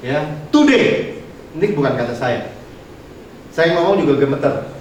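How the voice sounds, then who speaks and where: Pastor, male, high-pitched and swinging, heard from far off in a booming hall. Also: measured pace, slight background noise. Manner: animated and colloquial, mixing English words. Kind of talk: sermon. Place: church hall.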